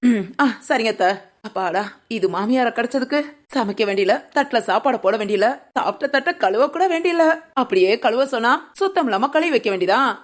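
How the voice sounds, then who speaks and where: A woman's voice: fairly high pitch, animated, fairly quick, natural voice. Woman voicing a cheeky young daughter-in-law. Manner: sly, teasing, talks back. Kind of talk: cartoon voice acting.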